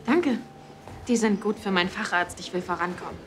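An actress voices an ambitious young female doctor in a hospital drama. She speaks fast and assertively, in a businesslike way. Faint ambient noise sits behind her. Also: medium pitch, close to an everyday voice. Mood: determined. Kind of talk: naturalistic TV drama acting.

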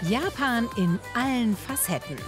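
A woman's voice: fairly high pitch, animated, a little slow, loud music behind the voice. A woman announcing a TV promo with a punchy, dramatic delivery.

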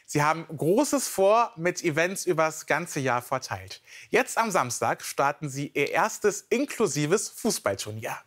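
A man presenting regional news in a lively, chatty scripted style. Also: a little high, unhurried, few pauses. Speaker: news anchor.

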